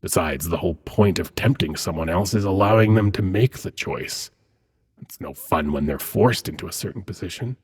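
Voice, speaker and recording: Low and unhurried, this male voice embodies a seductive demon prince for ASMR, smug and silky in mood. He stays husky and breathy, frequently dropping almost to a whisper, teasing with soft menace.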